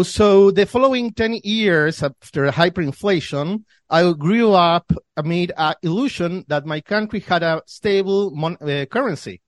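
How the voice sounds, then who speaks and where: In a podcast interview, an Argentine man in his thirties, the founder of a financial newsletter appearing as a guest, explains things with frequent restarts and repeated words. His voice is high-pitched, and the sound is dry and close with no echo.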